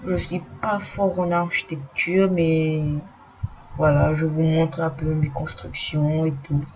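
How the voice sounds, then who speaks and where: Guy doing game commentary, slow and mellow, kinda muffled lo-fi mic w/ a bit of hiss. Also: a little high, level tone. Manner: talks softly and slowly, swears when startled. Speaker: gameplay commentator. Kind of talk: let's play commentary. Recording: dull lo-fi recording with faint noise.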